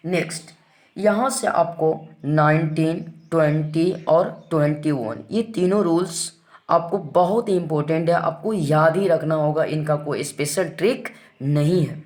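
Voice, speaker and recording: A man teaching English grammar rules in Hindi, with an Indian accent in English, who poses questions and answers them himself and reads the rules out slowly. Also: on the high side, a little mellow. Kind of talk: classroom-style grammar lesson.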